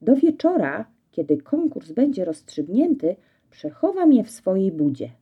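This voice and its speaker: A woman voicing an eager, excitable young male dog in a storybook, with bouncy, breathless enthusiasm. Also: medium pitch, moderate pace, breathy edge, highs cut off. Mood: excited.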